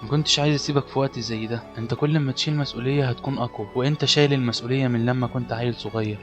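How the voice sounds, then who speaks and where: A man with an Egyptian Arabic accent voicing an old grandfather speaking softly and tenderly to his grandson. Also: medium pitch, steady tone, racing, natural voice. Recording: slightly dull lo-fi audio, faint music.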